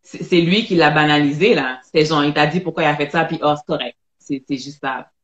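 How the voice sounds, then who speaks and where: A woman with a Quebec French accent, co-hosting and gently asking questions, summing up what the guest said. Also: deep voice, brisk. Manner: gentle, probing, sums up the guest's words. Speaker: co-host. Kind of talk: casual interview questions. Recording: echoey, dull online live audio.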